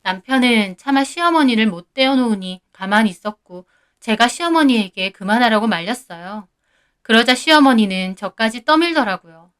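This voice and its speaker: A woman's voice: a little high, lively intonation, moderate pace, a bit bright, smooth. A married woman narrating her own family quarrel in an indignant, gossipy first-person storytelling voice. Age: adult, married.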